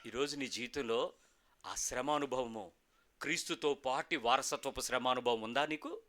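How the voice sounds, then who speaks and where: A man's voice: mid-range voice, moderate pace, a bit bright. A man preaching a sermon as pastor, emphatic, asking rhetorical questions and prompting the congregation to repeat after him. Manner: emphatic, call-and-response with the congregation.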